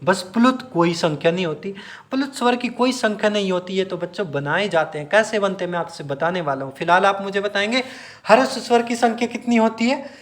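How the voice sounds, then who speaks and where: Man, high voice, teacher, question-and-answer drilling, stretched demo sounds. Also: brisk, a bit bright. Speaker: Hindi teacher for exam students. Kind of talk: classroom-style video lesson.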